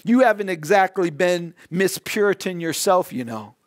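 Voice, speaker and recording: A man's voice: fairly high pitch, normal speed, no room sound, clean studio sound, lightly acted. A man reading aloud as a defiant young gang member who snaps back bitterly. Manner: bitter, snapping.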